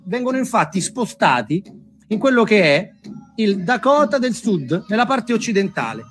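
Performing for an audience, a man tells history as a theatrical monologue in a high-pitched, fairly bright voice. He stresses his points, goes back over them and stretches out important words.

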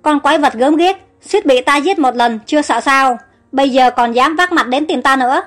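A woman's voice: high-pitched, normal speed, a bit bright. A woman reading the part of a bold young male pharaoh who gives firm orders, within a storybook audio tale. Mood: commanding.

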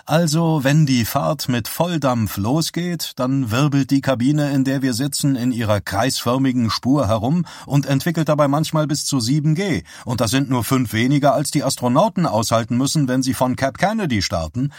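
A man's voice: mid-range voice, moderate pace, few pauses, a little mellow, dry recording, studio quality, voice pushed up, close to an everyday voice. A man voicing a teasing young man who spins mock-serious tall tales.

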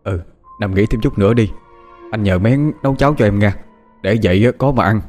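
A concerned older brother, voiced by a man with a lowish voice. He speaks gently and anxiously in this audio ghost story. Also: brisk, soft background music, natural voice. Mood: worried. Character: caring young man, worried older brother.

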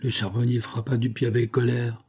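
A man narrating a classic novel aloud in a measured, expressive way. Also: mid-range voice, breathy edge. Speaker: audiobook narrator. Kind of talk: scripted narration.

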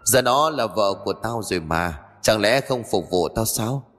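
A man's voice: on the low side, lively intonation, normal speed, fairly bright tone, big-room sound. Man voicing a menacing, domineering ghost. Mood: mocking. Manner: threatening, commanding.

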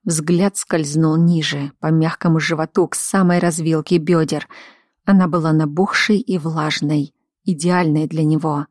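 A woman narrating an audiobook in a steady, measured reading voice. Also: sits low, dry recording, clean studio sound. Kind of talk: scripted narration.

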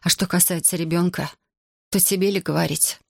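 A reader voicing a young mother who speaks calmly, evenly and firmly in a dry, gravelly voice. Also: mid-range voice, dry recording. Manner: calm, measured, firm. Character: calm, resolute young mother.

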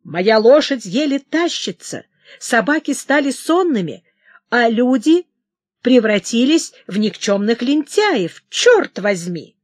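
A woman reading the part of a furious, unhinged young king who shouts in hysterical outbursts. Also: fairly high pitch, very animated, slow pace, no echo, studio quality, full character voice. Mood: raging.

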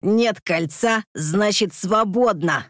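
A man's voice: sits high, slow, fairly bright tone, no room sound, studio quality, voice pushed up. A man doing a drunk, lisping brute. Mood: drunken. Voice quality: lisping, growled.

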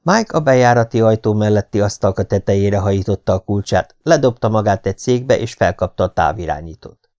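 A man reading a novel aloud as an audiobook narrator, in an even, measured storytelling manner. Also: fairly low pitch. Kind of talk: scripted narration.

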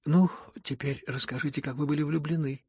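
A curious young woman, eager and insistent, pushing her question with lifted, louder tones, as a male reader puts her on. Beneath the lift, the voice stays husky and gravelly. It is recorded close and dry. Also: steady tone, a little fast, no echo. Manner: eager, pressing, talks louder and higher.

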